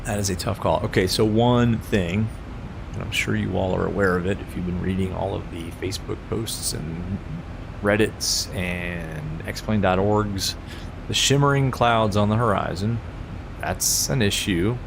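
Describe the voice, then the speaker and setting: A man chatting casually and informally as a flight simulator streamer. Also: unhurried. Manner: laid-back, informal. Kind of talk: casual livestream chat mixed with pilot radio calls. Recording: clear rumbling background noise.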